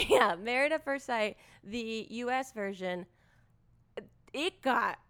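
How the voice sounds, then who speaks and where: A woman co-hosting a podcast in casual chat, animated and rambling, laughing often, wired from chugging a coffee. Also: a little high, unhurried, clear, resonant tone. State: caffeinated after chugging coffee. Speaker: podcast co-host.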